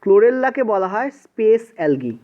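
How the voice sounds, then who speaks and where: A man's voice: high voice, sing-song, fast talker. A man with a Bengali accent teaching an exam-prep science lesson, checking in with students again and again and mixing in English words. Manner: repeats "ঠিক আছে" often, mixes English words in. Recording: tinny phone-like sound.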